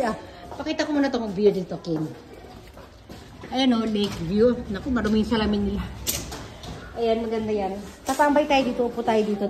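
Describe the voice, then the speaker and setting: A woman vlogging a casual hotel tour, chatting as she points things out and calls to her child. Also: mid-range voice. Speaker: travel vlogger. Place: hotel lobby and halls, indoors. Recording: handheld camera, noisy background.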